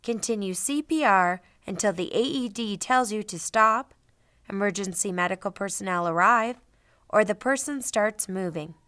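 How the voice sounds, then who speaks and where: Smooth-voiced female training presenter. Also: mid-range voice, normal speed, bright, forceful tone, no room sound, studio quality. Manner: clearly enunciated, instructional. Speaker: instructor, presenter. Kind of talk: scripted training demonstration narration.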